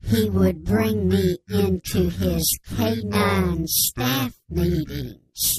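A man's voice: high voice, a crowd in the background, poor audio. A man doing a disguised anonymous informant. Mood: grave. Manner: slow, solemn deadpan testimony. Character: anonymous male whistleblower, earnest and grave. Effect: disguised voice, electronically altered. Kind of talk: radio comedy bit.

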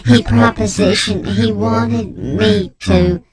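A man playing an anonymous male informant on a radio comedy bit, his voice electronically disguised, telling absurd events in a slow deadpan. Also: high voice, a loud crowd.

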